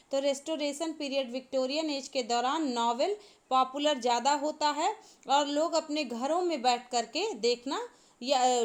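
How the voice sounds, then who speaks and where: A woman teacher giving an exam-prep lecture, explaining each point step by step, repeating key terms and asking the class to answer. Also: high-pitched.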